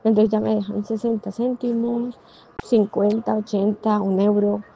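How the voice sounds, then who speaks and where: A woman's voice: medium pitch, level tone, a little slow, vocal fry. A young woman, a café waitress casually telling a story, laughing often and acting out what people said. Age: young adult. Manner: chatty, laughs often, acts out quotes. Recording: dull lo-fi sound with faint background.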